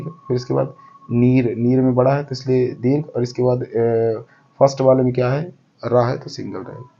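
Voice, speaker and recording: A man's voice: medium pitch, creaky, warm tone, muffled recording. A man teaching a lesson step by step, counting aloud and often checking that the class follows. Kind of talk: explaining a lesson.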